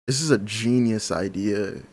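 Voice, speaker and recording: A young man chatting casually on a podcast, talking fast and enthusiastically about tech and swearing freely. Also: lowish voice, darkish tone, dry recording. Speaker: podcast guest. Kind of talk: casual chat.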